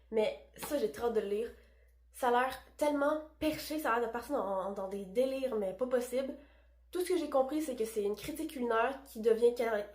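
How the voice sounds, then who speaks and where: A woman's voice: a little high, darkish tone, echoey room. A young woman with a Québécois French accent, chatting enthusiastically about books she plans to read. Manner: chatty, enthusiastic, self-deprecating. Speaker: book vlogger. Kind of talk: casual book chat.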